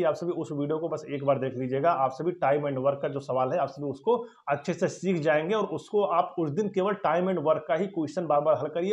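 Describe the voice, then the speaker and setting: A man talks quickly and keeps encouraging his viewers. His voice sits fairly high, and he keeps tacking a quick "okay" onto his points. The recording sounds dull and lo-fi. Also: darkish tone. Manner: encouraging, fills lines with "ठीक है". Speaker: exam coaching YouTuber. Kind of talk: advice talk to viewers.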